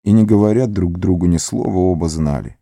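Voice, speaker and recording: A man narrating an audiobook in an expressive storytelling manner. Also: deep voice, fairly quick, vocal fry, no echo, studio quality. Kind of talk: scripted narration.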